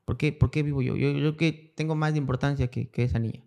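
A man's voice: mid-range voice, fairly even intonation, quick pace, gravelly, darkish tone. A young adult man with a Mexican Spanish accent, a guest speaking in a casual interview who tells his story and acts out the voices of people in it. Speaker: guest, cancer survivor.

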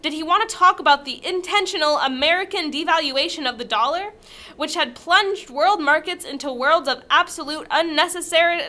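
A woman's voice: sits high, moderate pace, sharp tone. A woman reading a silly story aloud with a co-host, stumbling over words and giggling often. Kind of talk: comedic reading with banter.

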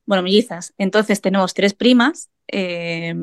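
A woman guest sharing family expressions in a soft, hesitant way. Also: medium pitch, unhurried, dry recording, studio quality. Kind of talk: casual chat.

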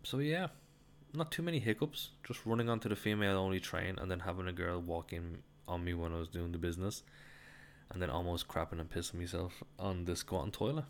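A man's voice: low-pitched, steady tone, fairly quick, a little hiss or hum. An Irish man telling a travel story to camera in a casual, chatty way, swearing freely and laughing at his own mishaps. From Ireland. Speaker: travel vlogger.

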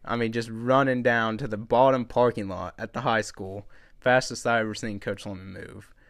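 A young man hosting a podcast with friends, telling high school stories in casual chat, animated and laughing, with frequent swearing. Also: normal speed, no echo. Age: young adult. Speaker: podcast host.

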